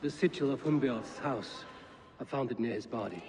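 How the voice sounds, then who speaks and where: Actor voicing a calm, grim Norse leader. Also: male voice, medium pitch, long reverb tail, natural voice. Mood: steady. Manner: calm, measured, matter-of-fact. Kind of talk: video game dialogue.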